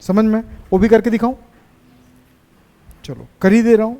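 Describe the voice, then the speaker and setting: A man teaching a physics class, teasing his students and pushing them to answer quickly. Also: high voice, fairly even intonation, warm tone, in a large hall.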